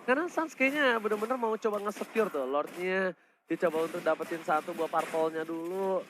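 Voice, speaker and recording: A man with an Indonesian accent doing excited, dramatic play-by-play commentary as an esports caster. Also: high-pitched, fairly quick, noisy background. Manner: dramatic, exclamatory. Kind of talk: excited live game commentary.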